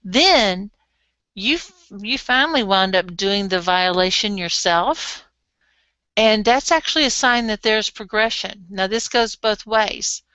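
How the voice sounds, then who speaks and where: Bright, crisp-voiced woman coach. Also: mid-range voice, measured pace, dry recording, lo-fi sound. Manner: lively, frank, laughs easily. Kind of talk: coaching session.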